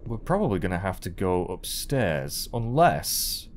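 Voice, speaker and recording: A man's voice: low voice, sing-song, a little slow, a little hiss or hum. A man in his thirties giving casual, jokey, sweary let's play commentary, thinking aloud as he goes. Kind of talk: casual horror game commentary.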